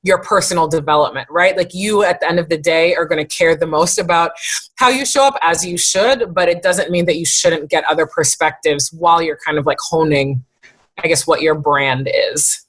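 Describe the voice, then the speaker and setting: A woman's voice: sits low, moderate pace, breathy edge. A woman from the US East Coast in a casual interview, chatty, peppering her speech with "like" and "right". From United States East Coast. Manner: chatty, says "like" and "right" often. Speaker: podcast guest.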